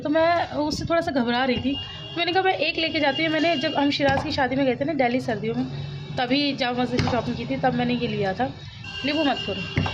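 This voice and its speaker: A woman in her thirties talks fast to her viewers from her home kitchen, rambling cheerfully between chores. Her voice sits high, and the sound is dull and lo-fi, like a phone recording. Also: noisy background. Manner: fast, talkative, laughing asides. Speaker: vlogger, mother. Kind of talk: casual chatty home vlog.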